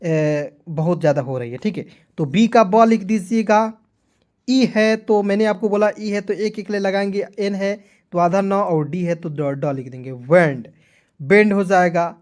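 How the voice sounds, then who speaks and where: A man teaching English pronunciation as a lesson in Hindi, spelling out letters, repeating each word and asking his viewers if it is clear. He says he is sweating in the heat. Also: high voice, measured pace, darkish tone. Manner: repetitive, spells letters out and drills, asks "clear?". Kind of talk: Hindi-language phonics lesson.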